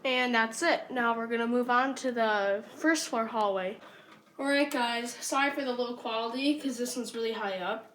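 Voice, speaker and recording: A woman's voice: fairly high pitch, moderate pace, a bit bright, low-quality recording. A woman hosting a casual amateur vlog, narrating each step as she goes indoors. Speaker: host testing home alarms. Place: indoors in a house. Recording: faint noise, amateur home recording.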